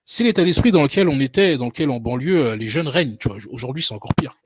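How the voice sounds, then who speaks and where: A man's voice: mid-range voice, animated, fast, slight background noise. A man in his thirties, a guest in a casual interview, talking loosely with many hesitations and filler tags. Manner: loose, with frequent hesitations and "you know" tags. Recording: dull, dry lo-fi sound.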